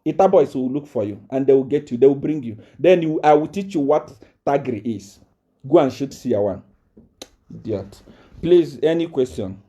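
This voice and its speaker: A man's voice: medium pitch, animated, moderate pace, mellow, dull audio. Boastful, threatening man. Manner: boastful, threatening, repeating himself. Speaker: self-styled prophet addressing viewers. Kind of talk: live-streamed rant. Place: South Africa.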